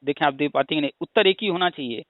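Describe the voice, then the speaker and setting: A man's voice: a little high, rapid-fire, no room sound. Lecturing man on a tinny phone line. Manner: lecturing, patient, uses rhetorical questions and examples. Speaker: teacher hosting a call-in discussion. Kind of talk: casual explanatory phone chat.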